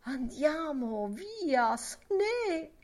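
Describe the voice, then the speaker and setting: A woman reading an audiobook voices a cheeky young man in a bar, pushing and pleading in a high voice. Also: level tone, drawn-out words, darkish tone, full character voice. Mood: teasing, eager.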